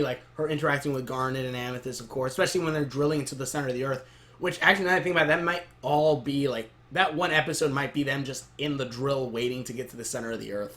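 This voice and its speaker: A man casually reviewing a cartoon episode to camera in a rambling, excitable way. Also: fairly high pitch. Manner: rambling, excitable recap with frequent laughs.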